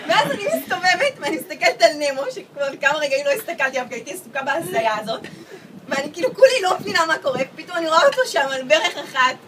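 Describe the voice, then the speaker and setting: A woman with a high voice tells a story to a gathered crowd, animated and quick to act out other people's lines. She is picked up from far off, and loud chatter and noise fill the background. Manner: lively, acts out quoted voices with laughter. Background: crowd of people talking.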